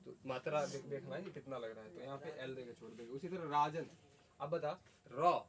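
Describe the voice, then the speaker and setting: A man with a mid-range voice teaches at a quick pace over a noisy crowd, asking students questions and repeating their answers. The classroom recording has faint background noise.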